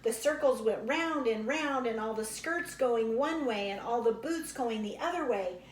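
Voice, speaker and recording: A woman whose voice is on the high side reads aloud from a children's book at a measured pace, expressive and unhurried, explaining things the way a teacher would to young children. Echo fills the room, and there's a little background noise.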